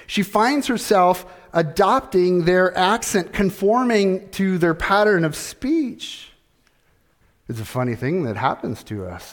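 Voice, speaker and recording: In an unhurried, deliberate sermon, a middle-aged male pastor relies on repeated phrases and rhetorical questions. His voice sits slightly high for a man.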